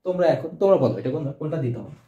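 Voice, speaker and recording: A man's voice: fairly high pitch, expressive, very fast, warm tone, highs cut off. A male teacher giving an exam-prep grammar lesson, asking questions and answering them himself. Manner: quizzing, answers own questions. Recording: echoey room.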